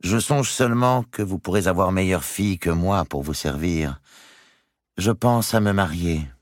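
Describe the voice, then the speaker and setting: A man voicing a sly, cruel lady's maid in her thirties who speaks with false gentleness. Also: deep voice, measured pace, no room sound, clean studio sound, pitched above the performer's own voice.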